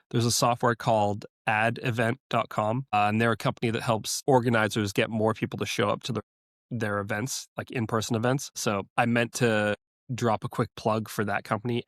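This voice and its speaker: A man's voice: lowish voice, no echo, studio quality. A man hosting a podcast interview who speaks in an enthusiastic, appreciative way. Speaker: podcast host.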